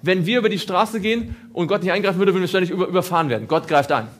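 A man's voice: high voice, racing. A man preaching a sermon, asking his listeners questions and repeating phrases for emphasis.

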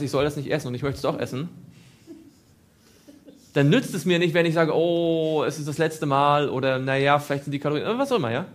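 A man preaching a sermon, asking his listeners questions and repeating phrases for emphasis. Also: a little high.

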